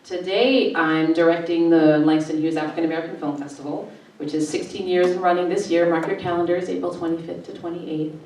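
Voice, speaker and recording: A woman in her forties talks casually through her slides as a filmmaker on an art panel. Her voice sits low, and it is picked up from across a very echoey gallery room. The sound is distant and reverberant. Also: fairly quick, few pauses. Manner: relaxed, conversational, presenting slides. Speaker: panelist, filmmaker and festival director.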